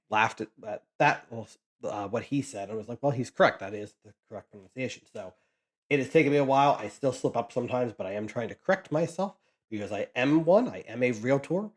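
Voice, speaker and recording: A man casually chatting as he sorts trading cards for his channel, rambling with frequent restarts. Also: fairly low pitch. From Pennsylvania, US. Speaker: card collecting vlogger. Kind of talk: casual chat while sorting cards.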